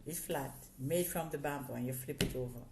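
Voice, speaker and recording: Older Jamaican woman, low-pitched, patient step-by-step explainer, faint noise floor. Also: fairly quick. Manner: explains step by step, laughs often. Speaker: interview guest, the host's mother. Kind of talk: casual chat.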